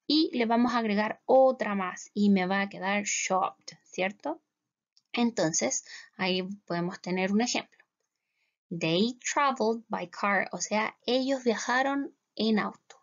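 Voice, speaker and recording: Her voice mid-range and her accent Chilean Spanish, a woman teacher patiently takes her class through English grammar. She says English words slowly and keeps checking in with "¿cierto?", and the recording has a dull, lo-fi quality.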